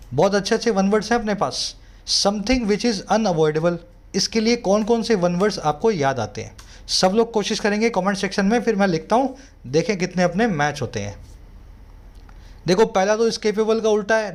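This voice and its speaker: High-voiced Indian tutor teaching words. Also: male voice. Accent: Indian English. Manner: explains each word slowly and reads example sentences in a measured way. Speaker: English tutor. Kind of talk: vocabulary lesson.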